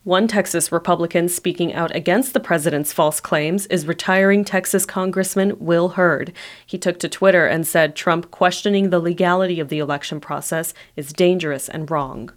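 A woman reading scripted radio news in a crisp, even delivery. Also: fairly low pitch, moderate pace. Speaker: news reporter.

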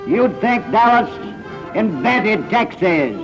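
Brief: boastful showman, high and swooping, old dull newsreel sound with music under him. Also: very animated, slow pace. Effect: 1930s newsreel archive clip. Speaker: newspaper owner and civic booster. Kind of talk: rousing public speech.

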